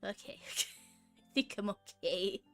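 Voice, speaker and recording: Young woman vlogger, giggly and rambling, slow, bright tone, faint music behind. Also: medium pitch, gravelly. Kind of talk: casual rambling chat.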